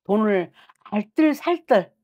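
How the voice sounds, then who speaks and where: A woman's voice: medium pitch, animated, measured pace, a little mellow, muffled recording. A middle-aged woman fortune teller giving a reading on the phone, blunt and scolding, acting out her client's thoughts as she talks. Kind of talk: fortune-telling consultation. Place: small shrine office.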